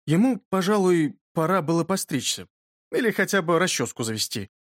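A man reading a funny children's story aloud, with expressive storytelling. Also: fairly high pitch, fairly quick, no room sound, studio quality. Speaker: reader.

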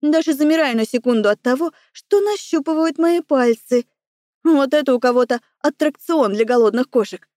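A woman's voice: high-pitched, lively intonation, moderate pace, a little mellow, no room sound. A woman narrating a first-person story in a wry, self-assured way, close to the mic. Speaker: audiobook narrator.

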